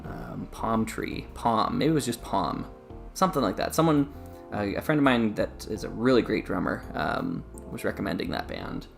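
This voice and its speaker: A man's voice: on the low side, animated, normal speed, creaky, faint music behind. A man casually chatting on a live stream as a YouTube creator, rambling, restarting sentences and laughing as he reads the chat.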